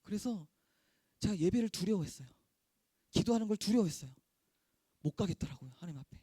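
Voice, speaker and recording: A young man preaching as a youth pastor, with earnest, repetitive phrasing that swings between hushed and loud. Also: sits high, expressive, brisk, husky, dry recording, studio quality. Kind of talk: sermon.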